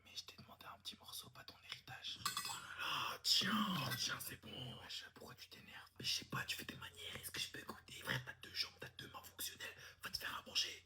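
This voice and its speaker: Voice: brisk, hardly any pauses, close to an everyday voice. A performer playing a quarrelsome sibling arguing at night, in whispered role-play. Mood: bickering.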